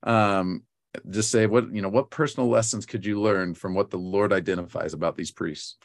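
Low-voiced man talking scripture, dry sound. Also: fairly even intonation, creaky, no room sound. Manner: thoughtful, halting with many restarts. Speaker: co-host of a scripture teaching discussion. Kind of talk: casual teaching discussion.

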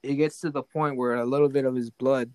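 A man's voice: mid-range voice, steady tone, brisk, dark tone, dry recording. A man improvising a fantasy story as game master. He talks casually and keeps checking in with the player.

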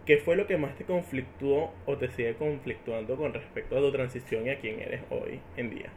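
Guy hosting a podcast, mid-pitched, supportive, asks open questions. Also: normal speed, darkish tone, a little hiss or hum. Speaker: podcast host. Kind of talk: casual podcast interview.

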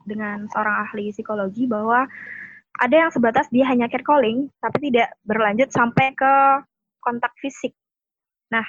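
A woman's voice: a little high, a bit bright, dull audio. A woman panelist explaining her point by citing an expert, with polite apologies. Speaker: discussion panelist. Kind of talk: explanatory discussion.

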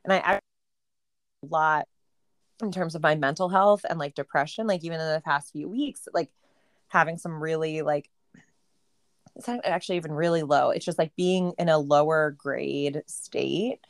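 A woman's voice: low voice, moderate pace, no room sound, clean studio sound. A woman co-hosting a podcast, talking reflectively in casual chat, with frequent filler words. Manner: reflective, heavy use of "like". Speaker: podcast co-host.

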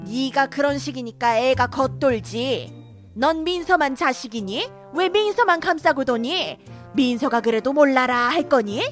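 A woman's voice: sits high, a little slow. A woman voicing a domineering older mother-in-law who scolds sharply and favors her grandson, in a cartoon drama. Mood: scolding. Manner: scolding, sharp, rising to shouts. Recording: faint background music.

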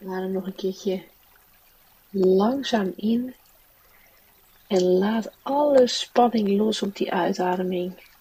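A woman leading a guided relaxation in a soft, soothing, unhurried manner. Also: mid-range voice, husky, distant mic, poor audio. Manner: soft, slow, soothing guiding delivery. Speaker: mindfulness teacher and meditation guide.

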